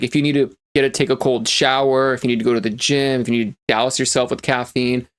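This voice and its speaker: A man speaking as a motivational coach in a casual, energetic monologue, emphatic and full of fillers, swearing now and then for emphasis. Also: mid-range voice.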